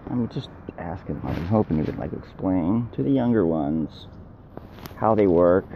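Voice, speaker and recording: A man's voice: low voice, lively intonation, a little slow, vocal fry. A man in his fifties grumbling and rambling casually to camera, often repeating himself. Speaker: vlogger. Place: outdoors, car window and laundromat. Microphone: phone held at arm's length. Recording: muffled handheld phone recording with hum.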